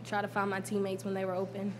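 A young woman basketball player answering hesitantly at a press conference, pausing with ums, into a table mic. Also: mid-range voice, completely flat delivery, noisy background. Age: young adult.

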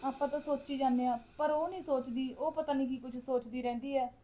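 A woman's voice: high voice, fairly even intonation, brisk, highs cut off, over music, natural voice. A woman playing a soothing young Punjabi daughter-in-law. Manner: soft, placating. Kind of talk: village family drama acting.

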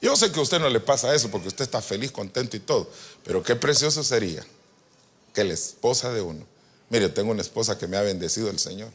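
A man preaching a sermon to pastors, animated and joking with the congregation, swinging from loud to soft. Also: lowish voice, quick pace, breathy edge. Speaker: apostle preaching. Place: church retreat hall.

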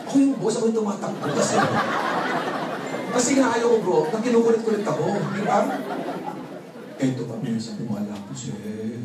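A high-pitched man from the Philippines gives a lively, swooping seminar talk to a live audience. He tells stories, voices both people in the exchange, and laughs often. He is recorded from a distance in a booming hall, with crowd noise and background hiss behind him. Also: a little fast, pauses often. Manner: storytelling, acts out both sides, laughs often. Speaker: marketing plan presenter. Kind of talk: animated motivational seminar talk.

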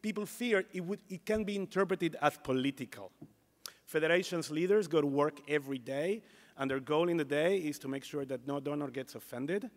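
A middle-aged man giving an earnest conference keynote from a podium on a hall stage, with emphatic delivery and frequent restarts. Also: a little high. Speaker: CEO giving a conference address. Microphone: podium microphone.

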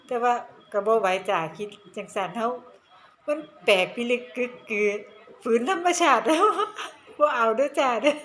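A woman's voice: on the high side, slight background noise. A middle-aged woman with an Isan Thai accent, chatting in a casual vlog with lots of laughter and teasing. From Northeast Thailand. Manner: animated, laughs often, teasing. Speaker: vlogger. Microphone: handheld phone camera.

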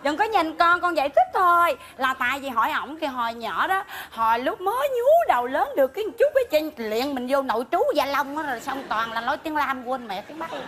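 A woman's voice: high voice, animated, fairly quick, hardly any pauses, a bit bright, slight background noise. A woman playing a cheeky, wisecracking pregnant village girl with a Southern Vietnamese accent in a stage comedy sketch. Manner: sassy, wisecracking southern talk.

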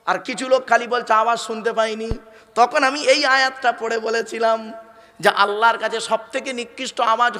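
A male preacher giving a waz sermon to a gathering, often repeating his phrases and asking the crowd if he is right, and slowly drawing out the Quranic verses he chants. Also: high-pitched, pushed and bright. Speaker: Islamic preacher.

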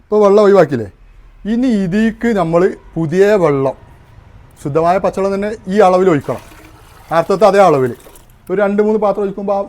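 A man's voice: high-pitched, lively intonation, brisk, darkish tone. A man giving a casual hands-on demonstration, explaining each step and checking that the listener understands. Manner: explains step by step, keeps asking if you understand. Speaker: home arrowroot powder maker demonstrating.

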